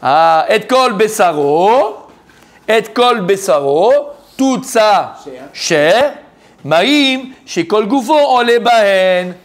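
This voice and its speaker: High-voiced rabbi teaching Talmud. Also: male voice, expressive, drawn-out words. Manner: repeats points, quizzes students, jokes. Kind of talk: Talmud class.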